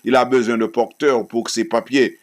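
A man's voice: medium pitch, little pitch movement, moderate pace, close to an everyday voice. A man voicing a contemptuous police officer who barks orders and mocks, in a read-aloud story. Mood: mocking. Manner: mocking, barking orders.

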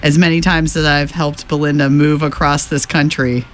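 A woman's voice: deep voice, little pitch movement, moderate pace, soft background music. A woman co-hosting a show in casual, playful chat. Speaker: show co-host.

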